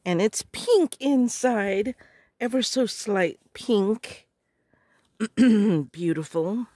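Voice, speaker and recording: A middle-aged woman, a little hoarse, chatting casually and gushing as she opens craft supplies. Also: mid-range voice, mellow, no room sound, clean studio sound. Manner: gushing, slow and murmuring. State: hoarse, clearing her throat. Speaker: craft vlogger. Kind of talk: casual unboxing chat.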